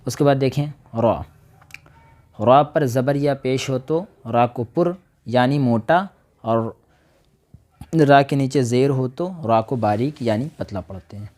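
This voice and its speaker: A man teaching a recorded Quran reading lesson, sounding out each letter and vowel slowly and checking with his listeners as he goes. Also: mid-range voice, darkish tone. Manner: slow, careful demonstration of each sound, often asks "theek?".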